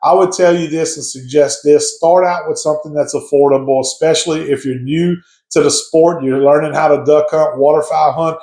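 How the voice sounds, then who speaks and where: A man's voice: on the high side, steady tone, moderate pace, mellow. A man talking casually to viewers in a conversational, explanatory way, sharing his opinion as a hobby hunter. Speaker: hobby duck hunter giving advice to viewers. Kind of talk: casual opinion talk to camera. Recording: echoey, roomy sound.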